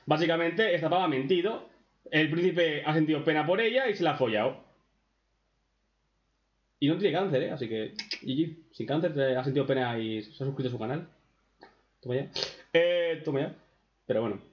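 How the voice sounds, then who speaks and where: A man's voice: fairly high pitch, moderate pace, long pauses. A man with an accent from Spain, doing crude, sarcastic reaction commentary as a streamer. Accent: Spain Spanish. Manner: foul-mouthed, sarcastic, mocking. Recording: echoey room, dull lo-fi sound.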